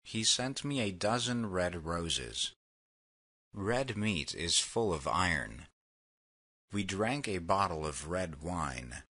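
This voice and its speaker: Deep husky guy reading vocab sentences slow, bright edge to it, voice swings up and down a lot. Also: very animated. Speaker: vocabulary lesson reader. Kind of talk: slow read example sentences.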